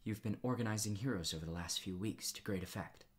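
An author voicing a calm male superhero who speaks softly, near a whisper, in an audiobook whispered role-play. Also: lowish voice, fast, lightly acted. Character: soft-spoken male hero, living tornado.

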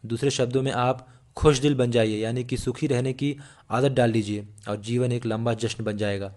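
A man reading a self-help audiobook aloud in a steady, earnest way, with small slips and restarts. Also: mid-range voice, normal speed. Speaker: audiobook narrator. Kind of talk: scripted audiobook narration.

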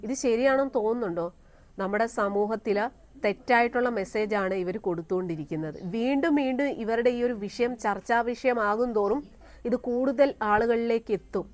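A woman giving a scornful opinion commentary on her vlog, firing rhetorical questions and filling pauses with "aa" and "eh". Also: a little high. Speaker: vlogger.

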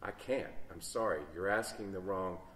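A man's voice: sits low, moderate pace, a bit bright. A man reading aloud voices Moses, pleading in a raised, insistent voice, in an echoey church from a distant mic. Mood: reluctant. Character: reluctant, earnest adult man Moses pleading.

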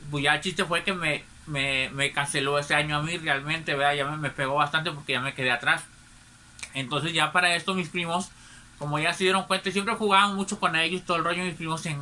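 A man with a Mexican accent tells a hometown anecdote as casual gossip. He keeps checking in with little questioning asides. His voice sits a bit high and cuts through with a very bright, sharp edge. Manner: chatty, tags nearly every phrase with a questioning aside. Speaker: storyteller.

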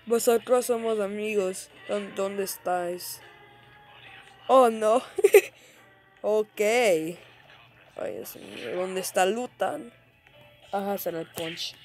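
A woman giving casual, excitable gameplay commentary, shrieking and laughing at in-game deaths and dropping English exclamations into her talk. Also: medium pitch, takes it slowly, pauses often, faint music behind. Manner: code-switches with English exclamations. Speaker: gaming video creator.

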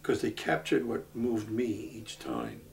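A man, from Brooklyn, speaking earnestly in a documentary interview, halting with many restarts. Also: fairly low pitch, very animated, vocal fry, slight background noise. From Brooklyn, New York. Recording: voice from a distance off the mic.

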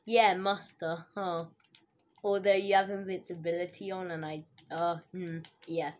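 A woman's voice: on the low side, little pitch movement, measured pace, slight background noise. A woman giving casual, giggly commentary over her own gameplay, laughing often and dropping internet slang. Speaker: gaming video host.

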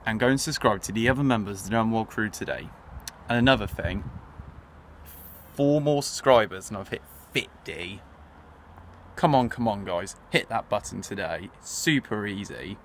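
A young trainspotting vlogger with a lowish voice talks eagerly to his viewers at a moderate pace, holding his phone at arm's length on an outdoor railway platform. His casual commentary has faint traffic and station sounds behind it.

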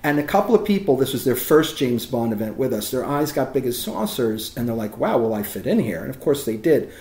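A man speaking with warm enthusiasm, his voice climbing when he gets excited. He talks in an expansive, animated way, and the room around him has a noticeable echo. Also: medium pitch, brisk. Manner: animated and expansive, rising emphasis. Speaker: guest, film location tour organizer. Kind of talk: enthusiastic interview talk.

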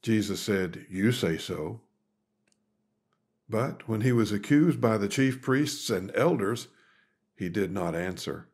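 Deep-ish guy reading scripture real slow, grave. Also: breathy edge. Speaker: scripture reader. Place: church sanctuary.

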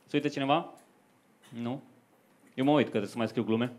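A young adult man does stand-up on a club stage, telling stories conversationally to a live audience through a handheld microphone. His voice is mid-range with a darkish tone. The live club recording carries faint noise.

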